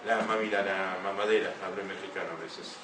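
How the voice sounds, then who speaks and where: A man's voice: sits low, level tone, brisk, heavy background noise. An older man giving an earnest talk to a young audience, often asking rhetorical questions. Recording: echoey room heard from a distance.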